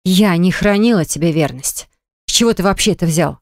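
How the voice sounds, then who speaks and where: A woman's voice: brisk, no echo, studio quality, natural voice. A reader voicing a stubborn, indignant young woman who is a mother, speaking sharply and defiantly in an audiobook. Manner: sharp, defiant, shrill when upset. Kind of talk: audiobook acting.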